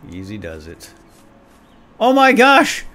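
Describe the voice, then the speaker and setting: This gaming series host has a high, bright, pushed voice whose pitch swoops wildly, and he speaks slowly over slight background noise. His let's play commentary is playful and casual, with exclamations aimed at himself and his viewers.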